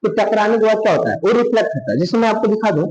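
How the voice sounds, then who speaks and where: Racing through his science lesson with lively intonation, a man speaks in a high, darkish voice and a Bihari Hindi accent. He answers his own questions and keeps repeating "thik hai," all within an echoey classroom.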